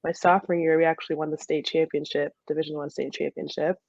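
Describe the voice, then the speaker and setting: A deep, gravelly, slightly mellow voice with little pitch movement belongs to a young American woman from Michigan, an ex-college soccer player who answers interview questions fast, casually and with frequent laughter. It's a dry recording with highs cut off.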